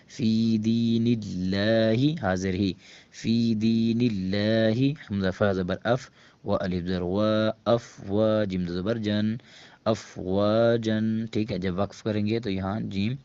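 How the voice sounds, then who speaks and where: A man teaching Quran reading in Urdu, slowly spelling out letters and vowel marks and then explaining quickly and plainly, with a Pakistani Urdu accent. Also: low voice, a little mellow, lo-fi sound. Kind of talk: step-by-step Quran reading lesson.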